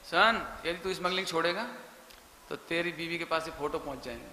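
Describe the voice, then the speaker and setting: A man voicing a menacing male smuggler who blackmails his partner, speaking emphatically and loudly. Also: on the high side, moderate pace. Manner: threatening, emphatic, louder. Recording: echoey hall with faint noise.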